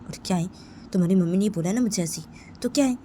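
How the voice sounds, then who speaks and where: A woman voicing a gentle young woman who soothes her partner in a soft, coaxing voice that drops near a whisper, in a homemade storytelling video. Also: medium pitch, quick pace, a little hiss or hum, close to an everyday voice. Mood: pleading.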